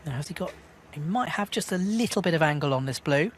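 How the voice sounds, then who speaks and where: A man giving hushed live snooker commentary in a measured, understated way. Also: fairly high pitch, lively intonation, a little hiss or hum.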